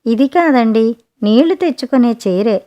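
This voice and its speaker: A woman's voice: a little high, expressive, moderate pace, mellow, lo-fi sound, close to an everyday voice. A woman reading a storybook voicing a naive, timid young wife who pleads plaintively.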